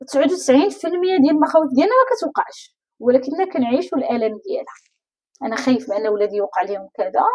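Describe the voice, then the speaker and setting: A woman with a Moroccan Arabic accent gives a motivational coaching talk at a very fast clip. Her voice sits high and swings widely in pitch. She speaks straight to the listener and keeps asking rhetorical questions. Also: dark tone. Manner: addresses the listener directly, many rhetorical questions. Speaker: life coach.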